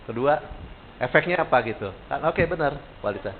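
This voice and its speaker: A man leads a training session in a relaxed, conversational way. He keeps turning questions back to his listeners. The recording sounds thin and tinny, with a light hiss under it. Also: mid-range voice, brisk. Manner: casual, animated, quizzes the audience. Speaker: sales trainer. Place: training room.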